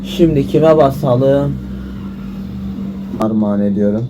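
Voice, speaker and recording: A man giving frustrated gameplay commentary, swearing and shouting at the game. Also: mid-range voice, takes it slowly, noisy background. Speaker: gaming YouTuber. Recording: music loud behind voice.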